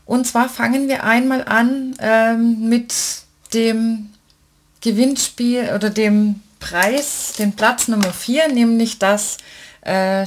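A woman with a slightly high voice hosts an informal giveaway announcement for her viewers. She takes her time, speaking very unhurriedly as she explains each step. Her way of talking is chatty and fond toward the people she addresses. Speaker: craft channel host announcing giveaway winners. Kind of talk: casual live-style giveaway announcement. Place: indoors at a desk with a laptop.

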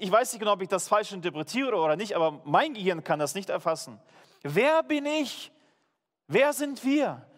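A man preaching a sermon to his church in a lively, emphatic, informal way, with fillers and restarts. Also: high voice, big-room sound. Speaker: pastor. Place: church hall.

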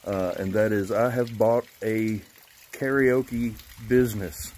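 A man in his fifties chatting casually and rambling through a vlog, recorded on a phone on a covered porch outdoors. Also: lowish voice. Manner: rambling, loosely organized. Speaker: vlogger. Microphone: phone at arm's length. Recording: outdoor phone recording with steady background noise.

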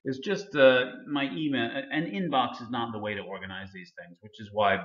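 A man's voice: medium pitch, moderate pace, fairly bright tone, echoey room, highs cut off. A male instructor casually talking students through a lab assignment, with many fillers. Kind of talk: recorded lab walkthrough lecture.

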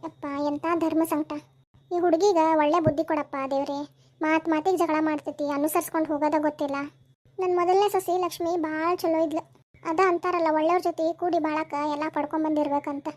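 A woman's voice: high voice, steady tone, fast talker, darkish tone, close to an everyday voice. Woman voicing a weary old cartoon mother-in-law. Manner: sighing, pleading. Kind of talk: cartoon story dubbing.

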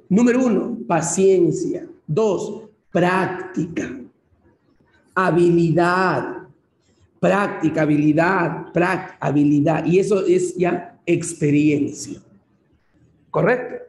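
A man's voice: sits high, slow, darkish tone. A man with a Peruvian accent teaching an online class, working through a logic puzzle step by step and repeating his cues to coax students along. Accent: Peruvian Spanish. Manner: repetitive, coaxing, keeps saying "mira" and "sigue". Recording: echoey room.

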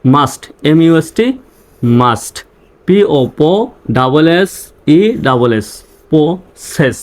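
A man's voice: fairly high pitch, slow pace. A male teacher whose first language is Bengali, giving a reading lesson and spelling English words letter by letter before sounding them out.

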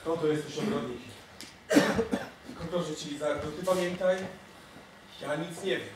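A man's voice: fairly high pitch, fairly even intonation, normal speed, very noisy, lightly acted. A student actor playing a grey-haired, scheming old father-in-law in a stage comedy, giving orders, recorded from far off on an echoey stage. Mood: anxious. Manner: bossy, orders people about.

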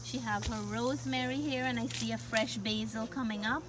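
A woman's voice: a little high, fairly even intonation, moderate pace, noisy background. A Guyanese woman giving a chatty, admiring tour of a backyard garden while filming on her phone. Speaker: cooking channel host. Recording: background music under the voice.

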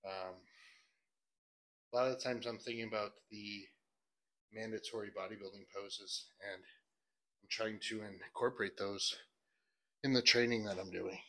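Man, lowish voice, casual workout vlog talk from a garage gym, coaching himself. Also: steady tone, unhurried, pauses often, a bit bright. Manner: coaching himself, grunting through hard sets. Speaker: bodybuilder training in a gym.

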